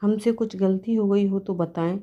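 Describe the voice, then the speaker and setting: A woman storyteller voicing a gentle young daughter-in-law who pleads and soothes. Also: medium pitch, steady tone, normal speed, lo-fi sound, lightly acted. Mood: pleading.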